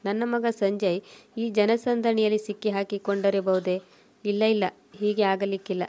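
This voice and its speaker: A woman's voice: medium pitch, level tone, normal speed, warm tone, lightly acted. A woman voicing a worried elderly mother who pleads tearfully while searching for her lost son. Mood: anxious.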